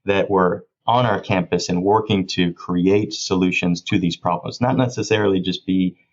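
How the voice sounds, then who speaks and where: Deep-voiced male interview guest. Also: steady tone, moderate pace, lo-fi sound. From Miami, Florida. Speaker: guest, government official. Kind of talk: conversational interview answers.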